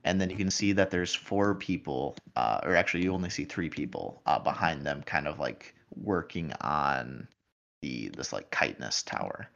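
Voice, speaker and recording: A deep-voiced man runs a tabletop game, describing scenes with a lively, swooping delivery. He rambles and restarts, leaning on fillers as he thinks aloud. The audio is dull and lo-fi. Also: moderate pace, gravelly. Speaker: game master.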